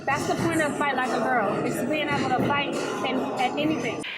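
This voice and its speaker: A woman's voice: sits high, steady tone, brisk. A woman boxer giving a motivational interview answer. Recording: loud music and busy crowd behind.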